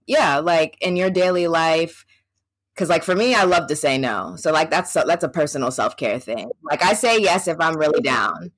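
Low-voiced woman, dry close sound. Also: animated, moderate pace, no echo. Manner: reflective, conversational with "you know" and "like". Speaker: podcast guest. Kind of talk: casual chat.

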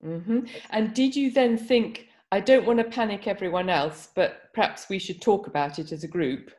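A woman interviewer asking questions in a gentle, encouraging, conversational way. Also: medium pitch, moderate pace.

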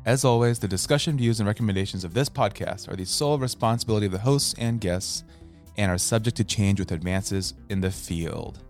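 A man's voice: on the low side, a little fast, faint music behind. A man co-hosting a podcast, friendly as he reads the closing disclaimer. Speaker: podcast co-host. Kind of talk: podcast outro.

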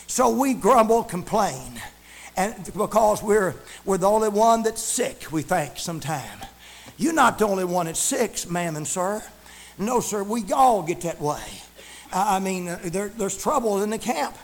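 A male preacher, delivering a sermon in a shouting, chanting cadence. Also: sits high, animated, measured pace.

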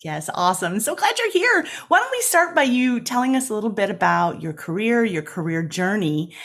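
A woman's voice: mid-range voice, very animated, moderate pace, a bit bright, husky. A woman hosting a podcast, who welcomes her guest in an enthusiastic, chatty way. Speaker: podcast host. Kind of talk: casual interview talk.

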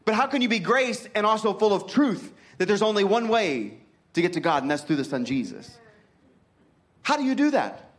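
A pastor preaching to his congregation in a fairly high voice. He talks with emphasis and keeps asking rhetorical questions. His pitch climbs high and then drops low and quiet. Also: very animated, normal speed. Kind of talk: sermon.

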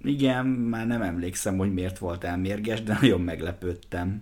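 A man co-hosting a language-learning podcast, chatting casually with expressive, lively intonation. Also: low-pitched. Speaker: podcast co-host.

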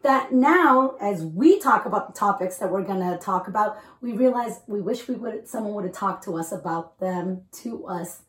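Echoey host chatting candidly. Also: female voice, mid-range voice, animated, moderate pace, hardly any pauses, slight background noise. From El Salvador. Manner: candid, conversational, drops Spanish phrases. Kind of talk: casual podcast chat. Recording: echoey room.

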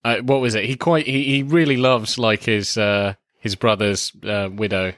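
Ein Mann mit tiefer Stimme spricht zögerlich und gelassen, mit vielen „uh“ und „you know“. Der Klang ist trocken und direkt, ohne Hall. Er wirkt wie ein Co-Moderator in einem lockeren Filmpodcast. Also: male voice, fairly low pitch, steady tone, normal speed, a bit bright, studio quality. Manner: hesitant, many fillers, laid-back. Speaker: film review podcast co-host. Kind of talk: casual chat.

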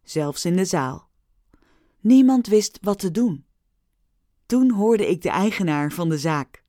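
A woman reading a story aloud in a calm, clearly paced narrating voice. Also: lowish voice, takes it slowly, no echo, clean studio sound. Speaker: audiobook reader.

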